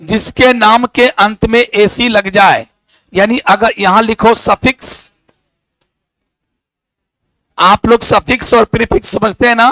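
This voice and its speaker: A man's voice: high voice, slow, pauses often, dry recording. A man from Bihar teaching biology, breaking into while he tells classroom stories. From Bihar, India. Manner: animated storytelling, acts out dialogue in local dialect. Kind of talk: classroom lecture with anecdotes.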